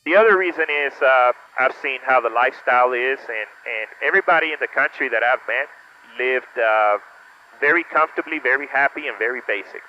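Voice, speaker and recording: A man's voice: mid-range voice, fairly quick, highs cut off, slight background noise. Give me a man on a pilot's cockpit headset, chatting loosely. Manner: rambling, many "uh" fillers. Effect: pilot cockpit headset intercom. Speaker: pilot and vlog host. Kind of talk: casual vlog talk while flying. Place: small plane cockpit in flight. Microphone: aviation headset boom mic.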